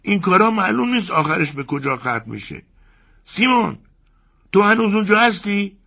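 A composed, pompous man calls out from inside a crocodile's belly, as a male storyteller voices him. His voice sits far above a man's usual pitch and sounds muffled and distant, as if from inside the animal. He lectures steadily, unbothered by his strange prison, in a lo-fi, dull recording. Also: big pitch swings, creaky, pushed and bright, heavily acted.

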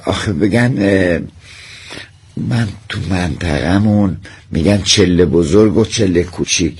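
A man's voice: low voice, a little mellow, breathy edge. A man, addressed as doctor, explains word origins and folk tales in a hesitant, conversational way with many fillers. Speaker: expert guest.

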